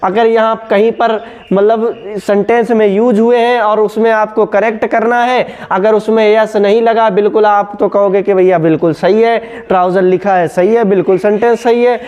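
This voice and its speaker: A man's voice: high voice, fairly even intonation, normal speed, few pauses, a little mellow, smooth. A man teaching a grammar lesson, asking a question and then answering it himself, repeating each word. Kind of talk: classroom-style grammar lesson.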